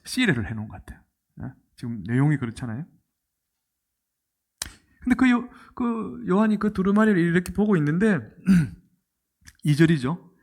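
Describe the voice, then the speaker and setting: A middle-aged pastor with a high-pitched voice preaches a sermon at normal speed, pausing often. He tells the story with animation, acts out quoted lines, and asks the congregation questions.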